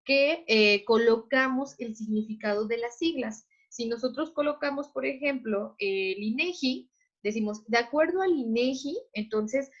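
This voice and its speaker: Woman teacher, muffled lecture audio. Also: fairly high pitch. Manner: patient, explanatory, checks in with students often. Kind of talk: online class lecture.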